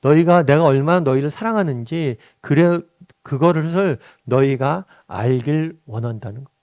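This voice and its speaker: A pastor gives a morning devotional in a close, dry room, his voice sitting a little high for a man. He speaks with his listeners and puts questions to them before he answers. He takes the quoted lines slowly and gives each one weight. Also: darkish tone, no room sound, dull audio. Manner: slows down to act out quoted lines.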